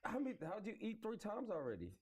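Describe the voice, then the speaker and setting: A man's voice: high voice, huge pitch swings, quick pace, a little mellow, breathy edge. A man hosting a casual chat, playful and slangy, joking with his guest. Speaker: host.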